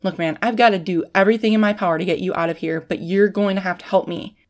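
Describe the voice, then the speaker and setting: A woman's voice: medium pitch, steady tone, fast talker, natural voice. Woman reading as brusque tough FBI agent Allison. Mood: urgent. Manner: brusque, snapping orders. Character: tough female FBI agent, bossy, sarcastic.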